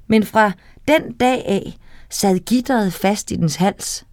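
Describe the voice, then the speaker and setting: A woman reading a children's story aloud, lively and talking straight to the young listener. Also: mid-range voice, dry recording, clean studio sound.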